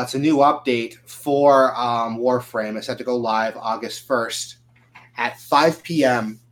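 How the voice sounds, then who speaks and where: A man's voice: mid-range voice, fairly bright tone. A man co-hosting a casual gaming podcast, talking through game trailers with loose, swearing chatter and lots of fillers. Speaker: podcast co-host. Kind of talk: casual gaming news chat.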